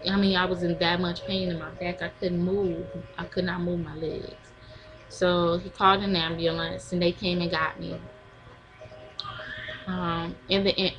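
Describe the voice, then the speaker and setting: A woman's voice: lowish voice, low-quality recording. A young woman tells viewers a story in a casual, chatty vlog, laughing often. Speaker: vlogger.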